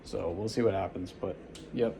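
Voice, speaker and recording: A man's voice: low-pitched, steady tone, normal speed, vocal fry. A man talking casually to viewers in a rambling, laid-back, informal vlog style. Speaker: vlogger. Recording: some background noise.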